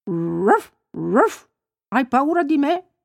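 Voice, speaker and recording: A woman's voice: sits high, measured pace, no echo, studio quality, voice pushed up. A woman voicing a big, kind dog in a storybook, barking and friendly. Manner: kind and helpful.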